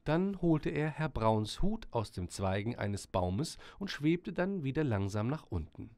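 A man narrating a storybook with gentle, expressive storytelling. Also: medium pitch, a little slow, no room sound.

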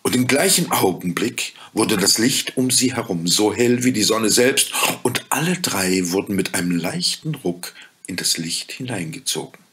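Ein Mann liest ein Märchen vor, ruhig und gemessen erzählend. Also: male voice, fairly low pitch. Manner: calm, measured storytelling. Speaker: narrator. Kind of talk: fairy-tale audiobook reading.

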